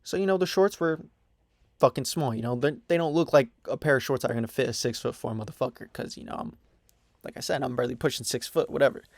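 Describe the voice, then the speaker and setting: A man's voice: medium pitch, quick pace, creaky, dry recording, studio quality. A young man casually telling a storytime tale on his own channel, swearing freely and leaning on "you know" and "whatever" as fillers. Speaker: storytime vlogger.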